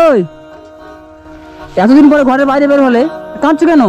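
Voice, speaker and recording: A man vlogging outdoors with his small daughter, coaxing and doting on her in casual talk. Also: very high-pitched. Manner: coaxing, doting, talks softly to a small child. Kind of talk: casual vlog talk to a child. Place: outdoors in tree shade on a hot day.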